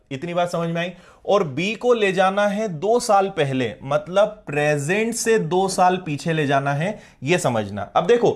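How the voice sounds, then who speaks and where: A male maths teacher with a Hindi accent, explaining a problem step by step in a live online class and often asking whether students follow. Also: high voice.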